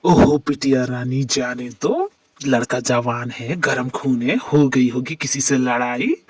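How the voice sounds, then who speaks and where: A performer voicing a grumpy old father-in-law in an amateur fan dub, speaking in a slow drawl. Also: mid-range voice, husky, no echo, far from the mic. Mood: grumbling. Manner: slow, drawling, fond of "bitiya rani".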